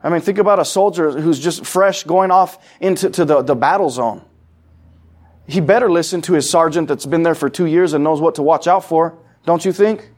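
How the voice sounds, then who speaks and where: Male pastor, casual sermon delivery, fairly high voice, acts out voices and asks the room questions. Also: moderate pace, a little mellow. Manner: conversational preaching, acts out quoted voices, asks the congregation questions. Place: church sanctuary.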